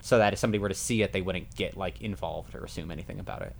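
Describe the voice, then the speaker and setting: A man's voice: low-pitched, very fast, gravelly, a little hiss or hum. A man narrating as game master in a casual tabletop session, correcting himself as he goes. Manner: casual, self-correcting, laughs at own jokes.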